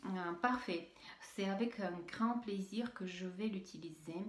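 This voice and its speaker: A woman's voice: medium pitch, a little slow, roomy sound, a little hiss or hum. A woman with a Russian accent, chatting casually as she unboxes beauty products, hesitant with many fillers and restarts. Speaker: beauty vlogger. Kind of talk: unboxing video, casual chat.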